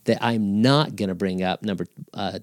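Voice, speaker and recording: A man's voice: fairly low pitch, moderate pace, no room sound, studio quality. A man giving earnest, emphatic teaching on handling hard conversations, often repeating words as he talks.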